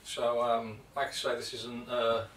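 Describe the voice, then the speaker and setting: A man's voice: mid-range voice, little pitch movement, a little slow, a bit bright, a little hiss or hum. A man in his thirties with a British accent, chatting casually about his tools in a home workshop, rambling with fillers and restarts. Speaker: woodworking video host. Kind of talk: casual show-and-tell vlog. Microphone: camera mic from a few feet away. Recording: echoey workshop, distant mic.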